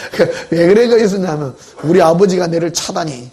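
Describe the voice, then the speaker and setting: A man's voice: sits high, darkish tone. A male pastor preaching a sermon in church, telling stories in a conversational way and putting questions to the congregation.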